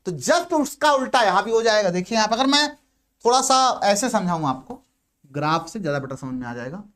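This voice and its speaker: A man's voice: sits high, big pitch swings, a little fast, fairly bright tone. A male physics teacher giving a lecture, who asks questions, answers them himself and repeats the key terms. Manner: repeats key terms and says "ठीक है" often. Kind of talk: blackboard lecture in Hindi.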